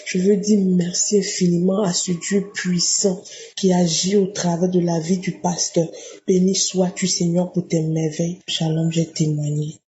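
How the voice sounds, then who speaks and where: A woman giving an earnest spoken testimony of faith, halting and restarting as she speaks, on a muffled lo-fi recording. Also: fairly low pitch, level tone, warm tone. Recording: muffled lo-fi recording, faint noise.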